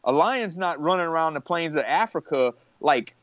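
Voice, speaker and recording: A man talks at length in relaxed conversation, often doubling back and restarting his sentences. His voice sits a bit higher than most men's. The recording is dry and slightly muffled. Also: moderate pace, dry recording. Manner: rambling, many restarts and fillers. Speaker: podcast guest. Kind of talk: casual conversation.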